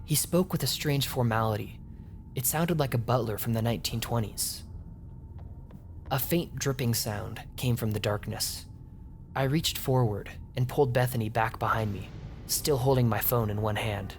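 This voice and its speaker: A man narrating a scripted first-person horror story at a middle pitch, tense and measured in his delivery. Soft music lies faintly underneath his voice.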